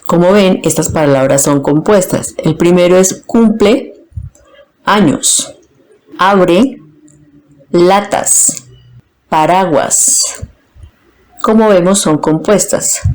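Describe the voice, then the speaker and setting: This is a woman giving a scripted grammar lesson. Her voice sits somewhat low and sounds mellow and warm. She talks very slowly and carefully, taking words apart piece by piece. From Colombia. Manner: slow, deliberate, splits words into their parts. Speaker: Spanish teacher.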